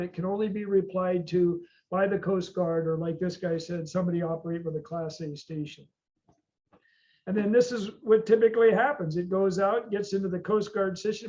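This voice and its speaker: A man with a high-pitched American voice lectures informally to a class. He is folksy and rambles, drifting into hesitant asides. The recording is dull and lo-fi. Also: a little mellow. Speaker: boating class instructor.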